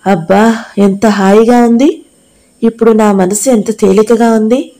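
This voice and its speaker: A woman reading the part of a gravely ill young woman dancer, speaking softly and with sorrow. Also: mid-range voice, steady tone, moderate pace, natural voice. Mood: sorrowful.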